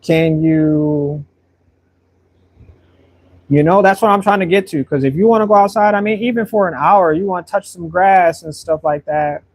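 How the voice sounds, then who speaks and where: A man in his thirties chats casually on a live stream while painting, answering viewers as he goes. His voice is a little high for a man, and at a moderate pace he rambles in a friendly way, often repeating words while searching for what to say next.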